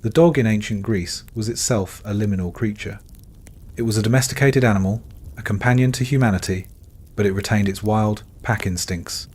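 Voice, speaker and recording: A man reading scripted bedtime narration in a solemn, measured way with deliberate phrasing. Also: fairly low pitch, darkish tone, breathy edge.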